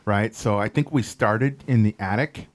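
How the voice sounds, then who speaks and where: A man's voice: on the low side, normal speed. A man co-hosting a casual group podcast, telling a story in a rambling, chuckling way. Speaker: podcast co-host.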